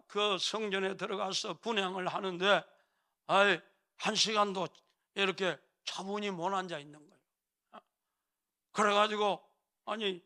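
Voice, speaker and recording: A male pastor delivers a sermon in a church. His voice sits high and carries a gravelly edge with a sharp, bright tone. He talks emphatically and keeps nudging his listeners with questioning tags. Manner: emphatic, prodding the congregation with frequent "eh?" tags. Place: church sanctuary.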